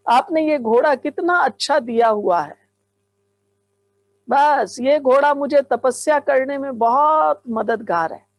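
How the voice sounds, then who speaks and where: A woman's voice: high-pitched, dry recording. A woman who is a spiritual teacher, giving a fervent guided meditation talk and speaking straight to her listeners with exclamations.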